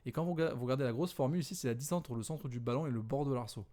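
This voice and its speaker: A man, maybe a young teacher, explains exam answers in a loose, chatty voice at an ordinary middle pitch. He stumbles, backs up and fixes his own words as he goes, with plenty of fillers. He sounds a little tired, like he is working late into the night. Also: rapid-fire, warm tone. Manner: conversational, many fillers and self-corrections. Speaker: physics teacher. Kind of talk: casual exam walkthrough.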